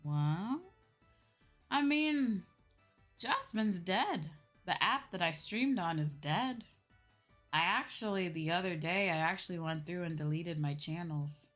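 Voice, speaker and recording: Taking her time, a young adult woman VTuber muses hesitantly while answering her livestream chat, background music playing. Her voice is fairly low, expressive, and fairly bright, but a bit sore and worn from talking all day.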